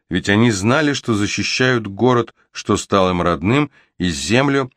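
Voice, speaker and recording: A man narrating a fantasy novel as an audiobook, reading with steady, even storytelling. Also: on the low side, no room sound, studio quality.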